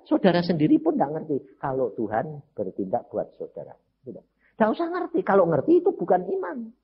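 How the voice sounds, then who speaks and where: An older man preaching a sermon through personal testimony, acting out dialogue and swinging between loud high outbursts and low quiet lines. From Central Java, Indonesia. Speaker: evangelist preacher. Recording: dull lo-fi sermon recording with faint noise.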